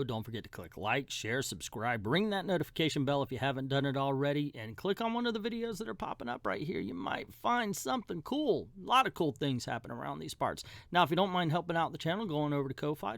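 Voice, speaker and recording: A man's voice: on the high side, gravelly, a bit bright, no room sound. A middle-aged man hosting a comic book review channel, giving a casual ranked countdown in a folksy, colloquial way with emphatic asides.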